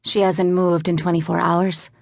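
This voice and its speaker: A woman voicing a sharp female raven with a sing-song Welsh accent in an audiobook. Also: on the low side, flat delivery, normal speed, creaky, no echo, studio quality. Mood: worried. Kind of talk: audiobook narration.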